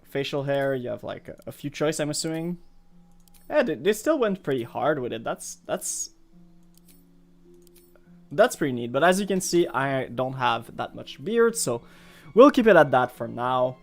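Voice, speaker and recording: A man from Montreal, Canada, a native French speaker with a Quebec French accent, chats casually in English while live-streaming a game over background music. His mid-range voice is very animated at a normal speed, and he rambles hesitantly as he thinks aloud.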